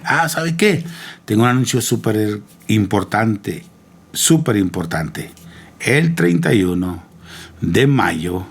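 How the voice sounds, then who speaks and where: A middle-aged man, hosting as a lay preacher and delivering a sermon-style meditation with fervent repetition and rhetorical questions, his voice climbing high when impassioned. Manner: swings to a high, raised pitch when impassioned. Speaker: lay preacher and show host.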